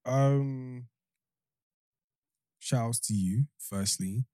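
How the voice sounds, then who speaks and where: A man's voice: mid-range voice, very slow, mellow, no echo, clean studio sound. A young man with a London accent, chatting casually as a podcast co-host, slangy and often repeating his phrases. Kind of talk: casual chat.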